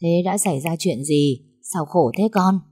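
A woman's voice: on the low side, moderate pace, breathy edge, no echo, clean studio sound. A woman voicing an older male school guard. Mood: surprised, concerned. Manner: exclaiming, then hushed.

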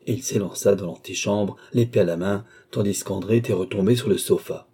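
A man reading a classic novel aloud as an audiobook narrator, in even, steady storytelling. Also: lowish voice, fairly quick, breathy edge.

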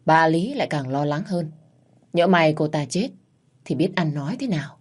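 A woman reading a story aloud with a deep, low voice. Her telling is steady and measured, moving through the plot at an even pace. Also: husky. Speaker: narrator. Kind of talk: story narration.

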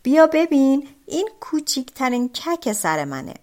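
A huge male demon from a fairy tale, boastful and menacing, shouting his threats, voiced by a woman. The voice sits on the high side and swings widely in pitch. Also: big pitch swings.

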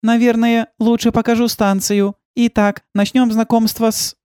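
A courteous female robot guide with even, helpful speech, as a reader puts her on. The voice is raised well above the reader's own. The recording is close and dry. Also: medium pitch, normal speed, smooth, dry recording, voice pushed up, close to an everyday voice. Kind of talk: audiobook role-play.

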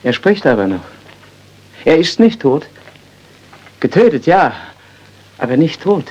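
A man's voice: a little high, big pitch swings, unhurried, darkish tone, breathy edge, full character voice. An actor playing a guilt-haunted male doctor, intense and brooding, in 1930s radio-drama acting. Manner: intense, brooding, rising to outbursts. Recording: dull 1930s radio recording.

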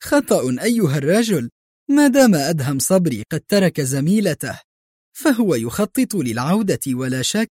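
A man voicing a cold, cunning female spy who speaks in sharp, harsh, mocking tones. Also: mid-range voice, no room sound, clean studio sound.

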